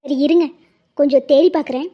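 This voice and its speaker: A woman's voice: high voice, a little fast, natural voice. A woman voicing a polite young office worker in a cartoon, matter-of-fact in tone. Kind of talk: cartoon voice acting. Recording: dull lo-fi audio.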